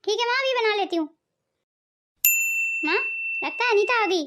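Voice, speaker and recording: A woman's voice: very high voice, animated, moderate pace, very noisy. A woman voicing a put-upon young woman of the household in a cartoon family drama, complaining and eager. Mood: grumbling.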